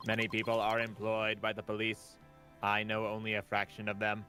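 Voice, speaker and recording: A man doing a robotic monotone bomb expert. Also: lowish voice, moderate pace, faint music behind, voice pushed down. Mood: flat robotic. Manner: clipped, monotone, machine-like phrasing. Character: robotic-talking male bomb disposal expert.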